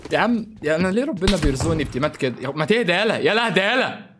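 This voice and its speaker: This young Egyptian man talks fast and jumpy, his fairly high voice leaping up and down as he commentates a shooter game. He panics easily and begs his teammates for help. A faint hiss of game noise sits underneath. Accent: Egyptian Arabic. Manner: excitable, panicky, pleading with teammates. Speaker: gaming streamer. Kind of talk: live mobile game commentary.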